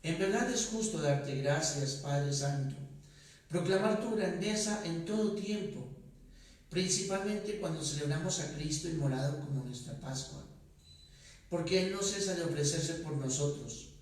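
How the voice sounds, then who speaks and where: A priest chanting and reciting the liturgy in a large church, his fairly high voice rolling through a long cathedral echo. He sounds set back from the microphone, and the slow, deliberate pace lets each phrase hang in the reverb. The delivery moves between sung lines and spoken prayer. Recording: echoey church, voice from far off the mic.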